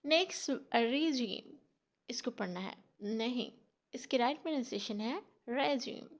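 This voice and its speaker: A woman with a mother tongue, teaching a spoken English lesson through slow, deliberate pronunciation drills. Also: a little high, expressive. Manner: slow, deliberate quiz-style word drills.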